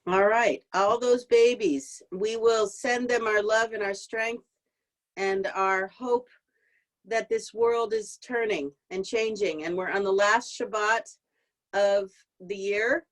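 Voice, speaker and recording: Over a video call from a home meditation and prayer room, a woman leads Shabbat services with a heartfelt, emotional reflection, close to tears. Her medium-pitched voice stays steady and unhurried, though the recording is rough.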